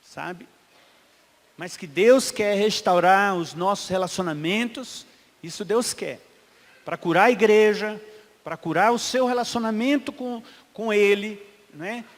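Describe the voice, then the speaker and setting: High-voiced preaching man in a reverberant hall. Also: unhurried. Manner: emphatic preaching that swings between loud and hushed. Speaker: pastor. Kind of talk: sermon. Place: church hall.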